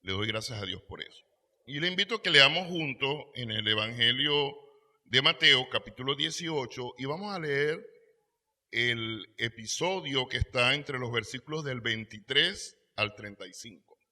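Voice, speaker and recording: A man's voice: mid-range voice, expressive, moderate pace, pushed and bright. A man preaching a sermon as pastor, reading scripture aloud and swelling his volume for emphasis.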